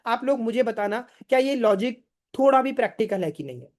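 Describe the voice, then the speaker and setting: A man's voice: very high voice, animated, a little fast. A man running a live online sales training, emphatic and firing rhetorical questions, urging viewers to answer in the chat.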